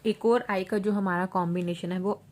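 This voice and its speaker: A woman's voice: medium pitch, fairly even intonation, a little mellow. A woman teaching a phonics lesson, carefully sounding out letters one by one. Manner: slow, deliberate sounding-out of letters.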